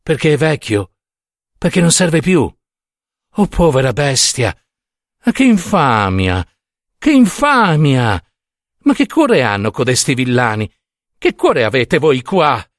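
An impulsive young wife, put on by a man reading a story, cries out in pity and horror. Her voice sits high and strained, pleading and shrill. The reading is close and dry. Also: big pitch swings, takes it slowly, no echo, exaggerated voice. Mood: indignant.

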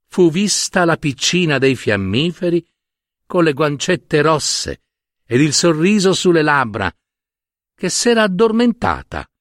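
A man's voice: fairly high pitch, a bit bright, no room sound, clean studio sound. A man narrating a fairy tale in a dramatic, lingering way, stretching and emphasizing words. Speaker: storyteller and podcast host. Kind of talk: expressive storybook narration.

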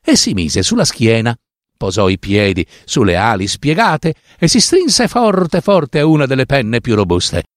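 A man reading a fairy tale aloud with a slow, sing-song, dramatic delivery on a close mic. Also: mid-range voice, huge pitch swings, no echo. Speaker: storyteller.

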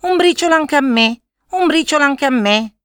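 A woman voicing a hoarse, chattering magpie that begs in a high sing-song voice. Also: lively intonation, normal speed, fairly bright tone, no room sound, clean studio sound. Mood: pleading.

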